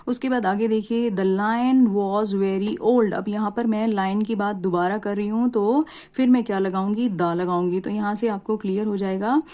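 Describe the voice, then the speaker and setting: A woman's voice: mid-range voice, steady tone, dark tone. A woman teaching a grammar lesson to students, explaining step by step, asking rhetorical questions and using the filler "jo hai" often. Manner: explains step by step, asks rhetorical questions, drawls example words slowly. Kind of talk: classroom lesson.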